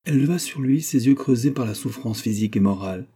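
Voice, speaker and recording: Male audiobook narrator, very dark, husky tone, expressive literary reading. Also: mid-range voice, fast talker. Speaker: audiobook reader. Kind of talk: scripted narration.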